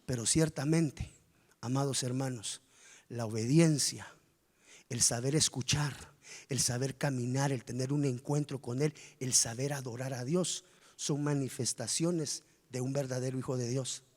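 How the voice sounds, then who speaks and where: A man preaching a sermon as pastor, animated and firing rhetorical questions at the congregation. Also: mid-range voice, unhurried. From Guatemala. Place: church. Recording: reverberant church hall.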